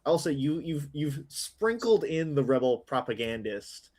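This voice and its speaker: A man's voice: a little high, very animated, unhurried, darkish tone, a little hiss or hum. A man judging in casual chat, hesitant with many uhs. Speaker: judge.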